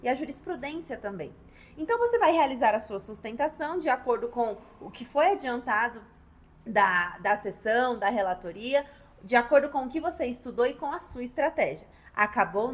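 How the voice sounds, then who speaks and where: A Brazilian woman lawyer teaching colleagues how to argue in court, changing her pace and loudness on purpose and acting out courtroom lines. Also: a little high, lively intonation. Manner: varies pace and loudness on purpose, pausing for emphasis; acts out courtroom lines to show how to speak. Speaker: labor lawyer giving advice. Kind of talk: instructional talk to the camera.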